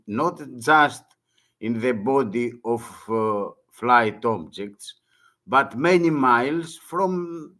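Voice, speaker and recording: A retired merchant mariner, an older Greek man, delivers a monologue in halting, broken English with a Greek accent, often repeating words. His voice is mid-range with a sharp tone.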